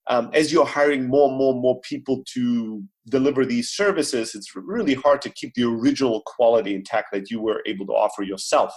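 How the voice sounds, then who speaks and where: A man with a husky, slightly rough voice and a middling pitch talks energetically as a podcast guest. His talk flows quickly with frequent fillers and restarts, heard over a remote call. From Greece. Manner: fast, energetic storytelling with many fillers. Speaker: startup CEO guest. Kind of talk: podcast interview.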